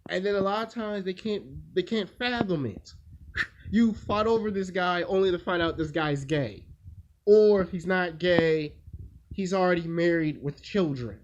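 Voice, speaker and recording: Guy ranting loose and crude, bit high voice, muffled lo-fi sound with a little hiss. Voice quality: crude, blunt storytelling. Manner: loose rambling delivery with acted-out quotes. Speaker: video host. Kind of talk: casual monologue. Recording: dull lo-fi sound with faint noise.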